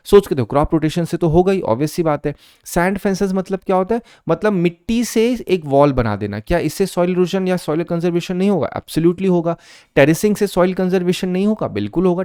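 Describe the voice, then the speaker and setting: A man gives an exam prep lesson in a smooth, resonant voice pitched a little high. He explains step by step and keeps quizzing his students, and he reads English exam questions out slowly. The sound is dry and close. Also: dark tone, no room sound. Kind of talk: lecture.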